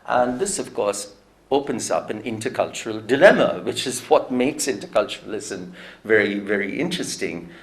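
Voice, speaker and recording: A man's voice: on the low side, expressive, moderate pace. A man giving a public lecture, telling a story in a reflective, anecdotal way and quoting others in his own voice.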